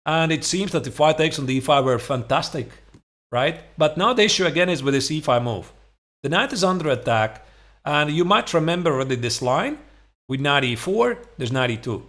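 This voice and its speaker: A man in his forties coaches chess in a fairly high voice with very animated intonation. He explains conversationally and leans on certain points, often checking that the listener follows. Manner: conversational, emphatic, rhetorical check-ins like "right?". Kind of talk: instructional chess commentary, explaining opening lines. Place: small home room, indoors.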